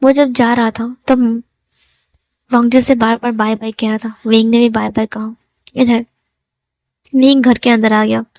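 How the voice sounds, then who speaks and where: A woman storyteller narrating a romance in a plain, steady way, setting up each line of dialogue. Her voice is fairly high, recorded close and completely dry. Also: a little slow, pauses often, no echo. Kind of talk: storytelling in Hindi.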